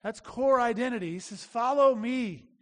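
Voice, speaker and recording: Male preacher, very high voice, chatty emphatic sermon, long echoing hall. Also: moderate pace. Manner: conversational preaching, emphatic repetition. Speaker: pastor.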